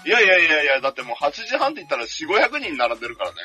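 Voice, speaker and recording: Fast, bright, husky man over a call. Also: on the high side, very animated, no echo. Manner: fast, eager storytelling with jokey asides. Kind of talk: casual chat over a video call. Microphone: video call. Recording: video call with music behind.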